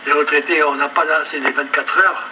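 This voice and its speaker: An older man, an amateur radio operator, chats casually over a two-way ham radio link, his voice a little high, steady in tone and a little fast. The highs are cut off, and the very noisy VHF radio relay gives it a two-way transmission sound.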